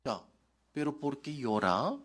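A man's voice: medium pitch, expressive, unhurried, fairly bright tone. A male pastor preaching a sermon in broken, article-dropping Spanish, asking the congregation questions and answering them himself.

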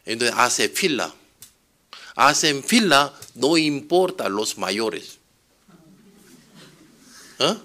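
A man's voice: medium pitch, bright, forceful tone. A man preaching a sermon, telling stories emphatically and asking rhetorical questions.

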